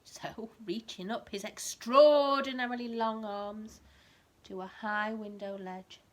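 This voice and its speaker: A woman with a mid-range voice reads a storybook expressively to a small child, pausing to explain words in simple terms like a teacher would. The recording is rough, with a little hiss or hum.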